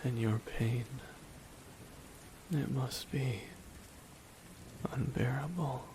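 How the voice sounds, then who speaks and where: A voice actor plays a wry, reflective male supervillain in an ASMR audio drama, delivering a slow, soft monologue full of wistful pauses. He sounds wistful and resigned, quietly softened toward his nemesis, with a medium-pitched voice over rain and background noise.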